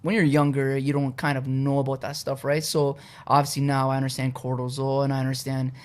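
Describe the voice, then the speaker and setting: A young adult man from Poland, a podcast guest talking through his personal story in a relaxed, casual way, with frequent "uh" and "you know". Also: medium pitch, brisk.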